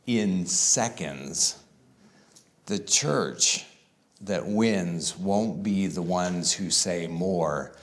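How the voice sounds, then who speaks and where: A man addresses a room of pastors in an unhurried conference talk. His voice sits fairly low, and he drawls through his points, stretching key words out for weight while keeping a friendly, conversational tone. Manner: conversational, with varied emphasis and deliberate slow stretches. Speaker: conference speaker. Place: conference room with live audience.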